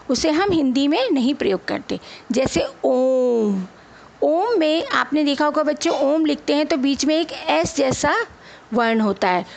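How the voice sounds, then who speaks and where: A woman schoolteacher speaks in a high voice with a gravelly edge, walking children slowly through a lesson. She sounds out each letter on its own. She keeps asking the class questions and then answering them herself. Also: slight background noise. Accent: Hindi. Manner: slow, deliberate, spelling out letters one by one. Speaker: school teacher.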